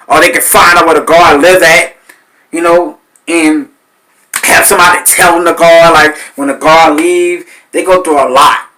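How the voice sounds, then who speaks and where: New guy in his 30s on a podcast, bright forceful voice, cussing and acting out his stories. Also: a little high, poor audio. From New Orleans, Louisiana. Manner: animated, swearing, acts out voices in his stories. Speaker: podcast host. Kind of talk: casual storytelling.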